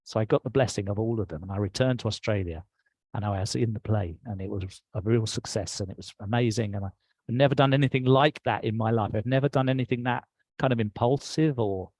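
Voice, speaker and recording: A man's voice: mid-range voice, brisk, a little mellow, dry recording. Reflective English man, dry close sound. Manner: reflective, recounts with quoted dialogue. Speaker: interview guest. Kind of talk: personal storytelling.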